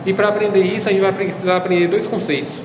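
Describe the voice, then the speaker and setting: A man's voice: sits high, little pitch movement, quick pace, reverberant, in a large hall, noisy background. A man giving a casual video lesson on Japanese, explaining step by step with hesitant fillers. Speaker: Japanese language teacher.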